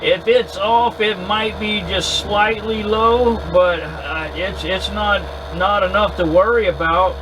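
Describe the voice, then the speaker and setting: A man having a casual two-way radio chat in an easygoing, halting way, often repeating words as he goes. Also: sits high, fairly even intonation. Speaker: amateur radio operator recording contacts. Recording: clear background hum and noise.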